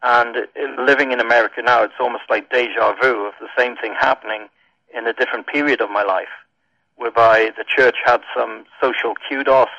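A middle-aged man with a Welsh accent speaks in a gravelly, creaky voice, pausing often with ums as he answers. The sound is dry, close and dull, like a lo-fi radio line. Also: medium pitch, sharp tone, no echo. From Wales. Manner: thoughtful, pauses with many ums. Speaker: minister and radio guest.

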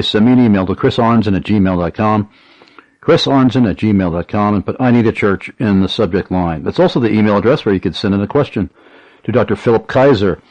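Earnest guy hosting a talk radio show, kinda low voice, dry. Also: a little mellow, no room sound, low-quality recording. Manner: earnest, emphatic, repeats key details. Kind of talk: talk radio host, appeals and questions.

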